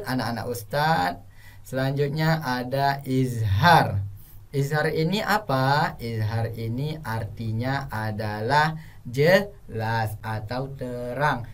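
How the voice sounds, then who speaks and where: Slow, patient male religious teacher. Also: medium pitch. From Indonesia. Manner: slow, patient, demonstrates Quranic recitation examples. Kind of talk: recorded tajwid lesson for pupils.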